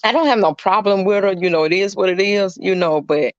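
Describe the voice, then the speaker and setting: A chatty middle-aged man with a drawl, talking casually into his phone during a livestream. His voice sits a bit high for a man, and the sound is dry and a little muffled. He rambles warmly from one thought to the next. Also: fairly quick, no echo. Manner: chatty and rambling, fills talk with "you know" and greets viewers by name. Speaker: caregiver streaming live. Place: indoors at a client's home.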